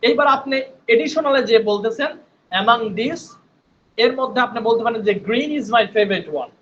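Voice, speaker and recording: Patiently teaching an online spoken English class, a man repeats sounds slowly and checks in with "right?" His extremely high, fairly bright voice reaches us via headphones on a video call, with highs cut off and a little hiss or hum.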